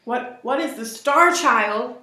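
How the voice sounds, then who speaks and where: A woman's voice: on the high side, slow pace, sharp tone, a little hiss or hum. Giggly young woman, roomy echo. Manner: giggly, eats while talking. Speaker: co-host. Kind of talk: casual chat.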